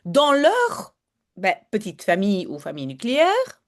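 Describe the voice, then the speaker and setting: A woman teaching Dutch in an online lesson, chatty, slowing down to model pronunciation. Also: mid-range voice. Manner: chatty and lively, apologizes for digressions, models pronunciation slowly.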